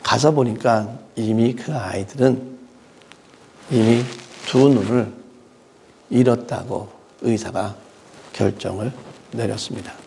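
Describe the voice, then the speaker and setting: A man preaching a sermon as pastor, telling stories in a conversational way with rhetorical questions and sudden hushed drops. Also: medium pitch, slow pace, gravelly, pauses often, a little hiss or hum.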